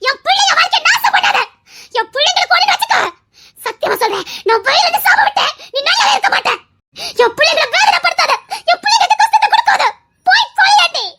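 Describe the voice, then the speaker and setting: A woman's voice: extremely high pitch, expressive, a little fast, full character voice. A woman voicing a fierce, protective middle-aged village mother in an audio drama, who scolds, curses and sobs. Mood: threatening. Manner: scolding, shouting, cursing, sobbing. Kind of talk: Tamil audio drama acting.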